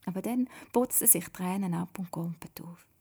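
A woman with a Swiss German accent telling a children's story in whispered storytelling, soft and hushed. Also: on the low side, moderate pace, creaky, breathy edge.

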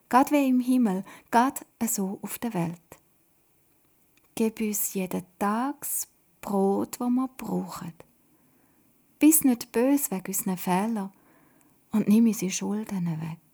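A woman's voice: medium pitch, creaky, slightly rough, full character voice. Woman voicing an earnest little girl praying. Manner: soft half-whispered recitation. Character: young girl reciting a prayer, earnest.

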